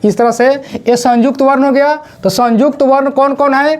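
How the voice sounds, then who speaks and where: A woman teaching Hindi grammar for exams, asking questions and drilling the pronunciation of each word slowly. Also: high voice, fairly even intonation. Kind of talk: exam-prep classroom lesson. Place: classroom with a board.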